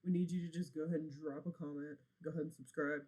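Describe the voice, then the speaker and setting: A woman's voice: sits low, fairly even intonation, fast, a little mellow, breathy edge, low-quality recording. A woman in her twenties co-hosting a podcast in casual chat, giggly and playful, often acting grossed out, heard over a video call. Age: 20s. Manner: giggly, playful, exaggerated disgust. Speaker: podcast co-host.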